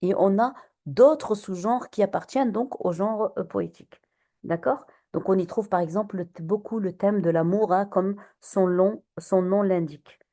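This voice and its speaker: A woman teacher leads a poetry lesson in a classroom, her voice mellow and warm. She talks patiently, keeps quizzing her students and fills pauses with many hesitations and restarts, heard through a recorder in the room. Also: mid-range voice.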